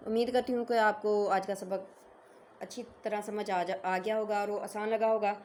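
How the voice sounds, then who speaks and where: A woman's voice: medium pitch, steady tone, darkish tone, a little hiss or hum. A woman teaching Quran reading, patiently explaining and stretching out syllables for learners to repeat. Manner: patient, drawn-out syllables for repetition. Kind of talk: slow lesson, reading letters aloud.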